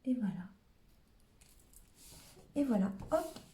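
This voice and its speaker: Chatting as she crafts live, a woman from Hauts-de-France in northern France narrates her hands-on steps with frequent "hop" and "voilà," carrying that region's accent. Her high voice is warm, expressive and slow. The audio is echoey, with slight background noise.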